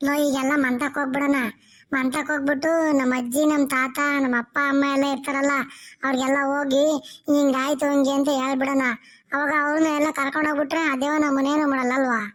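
A woman voicing a simple, scared village boy in a cartoon, speaking rustic Tumkur Kannada in a rapid, worried way. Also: high-pitched, flat delivery, natural voice. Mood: anxious. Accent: rural Tumkur Kannada.

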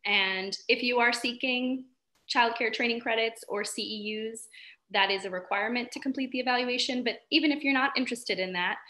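A woman's voice: fairly high pitch, fairly quick, bright, forceful tone. A woman hosting an online training session, chatting upbeat with filler ums over a video call. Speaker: webinar host.

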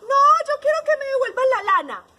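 Lady doing a cranky little sheep, whiny and sighing, high squeaky voice. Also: very animated, fairly quick, pushed and bright, exaggerated voice. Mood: whiny complaint. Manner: whiny, complaining sighs. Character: grumpy overheated female sheep, whiny. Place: outdoor garden.

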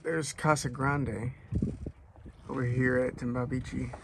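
A man casually pointing out the coastline while sailing, in a relaxed vlog narration. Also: medium pitch, unhurried, gravelly, background noise. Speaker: sailing vlogger. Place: outdoors on a sailboat.

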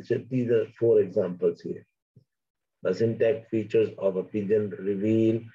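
Husky, mellow male linguistics lecturer. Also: on the low side, dull audio. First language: Urdu. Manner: reads from notes, then explains in plain asides. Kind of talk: academic lecture.

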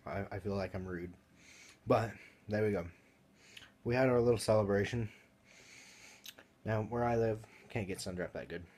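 A man's voice: fairly low pitch, normal speed, darkish tone, husky. Laid-back young man vlogging casually. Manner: laid-back, rambling with fillers, eating while talking. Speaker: YouTube gaming channel host. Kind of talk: casual vlog chat.

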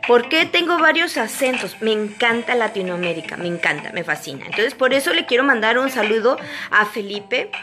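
A woman's voice: on the high side, bright, forceful tone. Chatty woman from Mexico, rambling. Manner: rambling, repeats words, frequent "este" fillers. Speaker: vlogger. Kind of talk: casual chat to viewers.

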